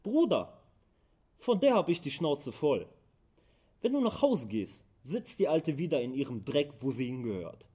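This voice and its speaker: A man's voice: mid-range voice, expressive, unhurried, hardly any pauses, mellow, husky. A man voicing a cocky fish president who talks in street slang, in a raised voice. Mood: fed up.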